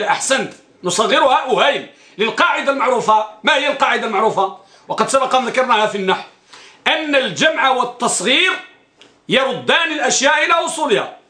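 A man's voice: high voice, sharp tone, reverberant. A man teaching an Islamic studies class, asking his students questions and answering them himself, and repeating key phrases. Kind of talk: classroom lecture on a hadith text.

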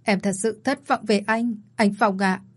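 A woman's voice: medium pitch, steady tone, measured pace, slightly rough. A young fiancée from a storybook, voiced by a woman narrator, polite on the surface and sulky underneath.

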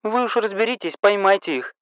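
A man voicing a nosy woman caller who reports things in a hushed, conspiratorial way. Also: high voice, lively intonation, brisk, no room sound, lo-fi sound, pitched above the performer's own voice.

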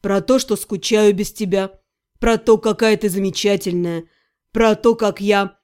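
A woman voicing an earnest young male necromancer who speaks quietly and sincerely. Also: medium pitch, fairly even intonation, measured pace, clear, resonant tone, pitched below the performer's own voice, close to an everyday voice. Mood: tender, earnest. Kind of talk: audiobook character voice.

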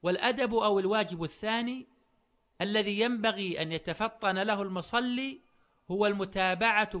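A man hosting a scripted religious radio talk, speaking formal Standard Arabic in a measured way. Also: sits high, a bit bright. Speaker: religious programme host and preacher.

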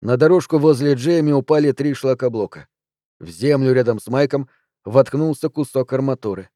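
A man narrating an audiobook in a steady, measured reading. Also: medium pitch, dry recording, clean studio sound. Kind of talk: scripted narration.

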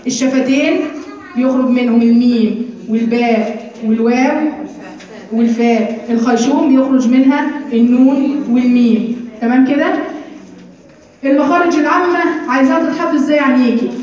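A high-pitched Egyptian woman leads a classroom drill, repeating lists and answering her own questions with brisk, teasing energy. Her voice rings through a very echoey room and sits well back from the microphone. The recording sounds dull and muffled. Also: a little mellow, distant mic. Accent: Egyptian Arabic. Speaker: Quran recitation teacher.

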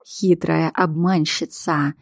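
A woman voicing a calm, controlling male alpha werewolf in an audiobook, speaking low and measured. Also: gravelly, no echo, studio quality, heavily acted. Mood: menacing.

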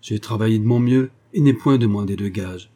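A man voicing a proud young foundling servant girl who speaks calmly and scornfully. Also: on the low side, a little fast, close to an everyday voice. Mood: defiant. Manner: calm, clear, scornful.

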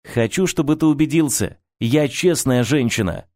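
A woman's voice: a bass voice, normal speed, dark tone, no echo, clean studio sound. A man voicing a young pregnant woman who pleads and insists with her lover, in a storybook reading. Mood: insistent.

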